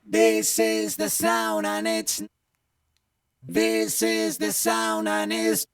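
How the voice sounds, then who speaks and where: A sung vocal sample, pitched up a fifth with its formants shifted in a vocal editor, repeating a short phrase slowly. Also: expressive, vocal fry. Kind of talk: sung vocal sample replayed in a music production session. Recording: pitched studio vocal played back over a music track.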